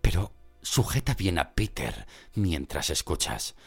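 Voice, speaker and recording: A man's voice: deep voice, sing-song, measured pace, gravelly, breathy edge, soft background music, exaggerated voice. A man voicing a middle-aged wizard teacher who pleads in a raised voice and explains patiently. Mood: calm.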